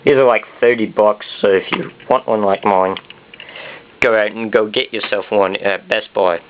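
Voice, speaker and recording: A man's voice: on the low side, fairly even intonation, normal speed, a little hiss or hum. A man with a Southern US accent rambling casually to the camera in an off-the-cuff, self-deprecating vlog. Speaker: video blogger. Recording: dull, muffled consumer camera sound.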